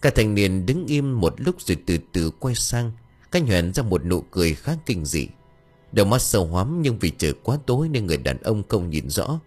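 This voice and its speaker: A man narrating a ghost story in an expressive, animated way. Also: lowish voice, moderate pace, soft background music.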